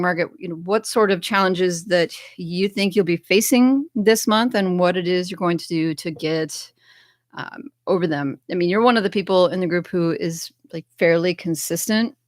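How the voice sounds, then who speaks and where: A woman's voice: on the low side, dry recording, clean studio sound. An American woman hosting a casual livestream, chatting upbeat and reading viewer comments aloud. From United States. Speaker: livestream host.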